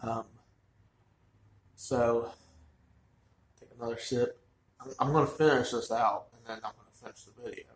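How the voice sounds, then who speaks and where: A man's voice: mid-range voice, fairly even intonation, moderate pace, pauses often, roomy sound. A man talking casually and rambling with lots of fillers as he reviews a wine in his own vlog. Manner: rambling, chatty, frequent fillers. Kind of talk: casual chat.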